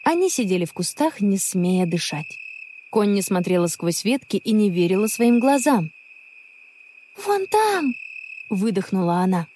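A woman telling a children's story in measured, expressive audiobook narration. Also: mid-range voice, a little hiss or hum.

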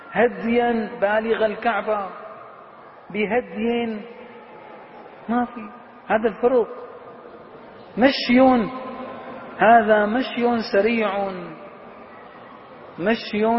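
A man teaching an Arabic grammar lesson who asks questions and answers them himself, repeating key words slowly for emphasis. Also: sits high, slight background noise. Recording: dull lo-fi recording with long reverb in a hall.

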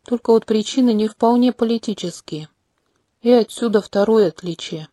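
A woman voicing a charming, manipulative male non-human prince in a home-made audiobook, speaking calmly and candidly with a faintly mocking edge. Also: on the high side, normal speed, no echo, clean studio sound, natural voice. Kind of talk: audiobook character reading. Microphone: close home mic.

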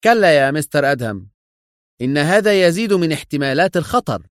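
A man voicing a harsh, commanding male crime boss in an audiobook, sharp and angry as he barks orders. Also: on the high side, lively intonation, fast talker, dry recording, studio quality, pitched above the performer's own voice, natural voice. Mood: stern.

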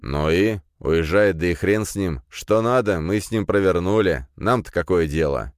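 Man voicing a calm crime boss, worldly, philosophizing, deep, dry. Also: moderate pace, dry recording, natural voice. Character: calm middle-aged male crime boss.

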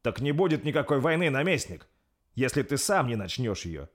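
A man's voice: medium pitch, big pitch swings, normal speed, pitched above the performer's own voice. A man voicing an arrogant young prince who speaks down to his lords. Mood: haughty. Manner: haughty, commanding. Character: young male prince on a throne, arrogant, quick-tempered.

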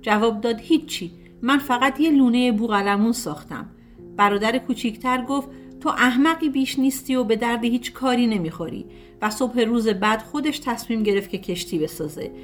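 A woman with a fairly high voice reads a folk tale aloud in an unhurried storybook cadence. She gives the characters' dialogue a voice of its own. Soft plucked guitar music plays faintly behind her. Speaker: audiobook narrator.

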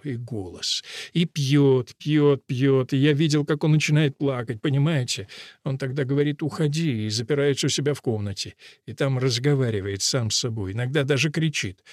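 A man's voice: medium pitch, no room sound, studio quality, close to an everyday voice. A man reading a plaintive, complaining chauffeur. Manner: complaining, moaning, hushed. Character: troubled male chauffeur confiding in a woman, plaintive. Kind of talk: audiobook reading.

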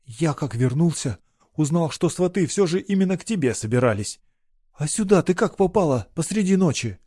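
A young blacksmith apprentice, put on by a male narrator who brushes others off in short, hard phrases. His voice sits slightly higher than the narrator's and stays hushed and clipped. The sound is dry and close. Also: animated, normal speed, slightly rough, dry recording. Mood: cold rebuff. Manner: terse, harsh, hushed.

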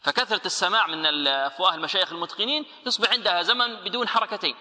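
A man teaching tajweed, posing rhetorical questions and answering them himself, and slowing into chanted recitation for examples. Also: high-pitched, sharp tone, in a large hall. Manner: explains by asking rhetorical questions, then answering.

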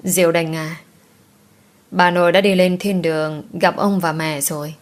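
Woman reading a gentle grieving father. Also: fairly low pitch, fairly even intonation, normal speed, close to an everyday voice. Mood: tender.

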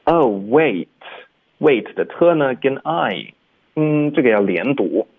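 A man's voice: mid-range voice, sing-song, vocal fry. Phone-like male radio English teacher. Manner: demonstrates English sounds slowly and repeats them. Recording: phone-like narrow-band radio sound.

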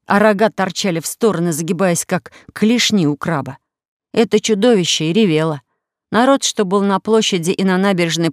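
A reader narrating a children's storybook with even, expressive reading. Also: mid-range voice, no room sound, studio quality. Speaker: audiobook reader.

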